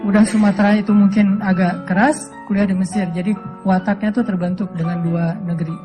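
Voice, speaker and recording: A middle-aged male Islamic preacher from Aceh, giving a relaxed, humorous sermon that jokes and acts out voices in his stories. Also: high voice, fairly quick, over music. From Aceh, Indonesia. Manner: joking storytelling, often laughing.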